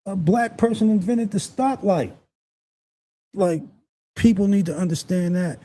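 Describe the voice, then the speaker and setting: Male co-host, slightly high, husky and mellow, emphatic delivery. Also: a little slow. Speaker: co-host of a live community talk show. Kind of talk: casual commentary.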